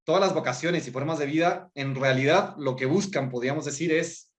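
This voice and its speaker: A man's voice: fairly high pitch, brisk. Man talking thoughtful and wordy, lots of "no?" tags, echoey room. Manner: thoughtful, many filler tags and self-corrections. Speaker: guest speaker on vocations. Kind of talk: reflective podcast explanation. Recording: roomy echo.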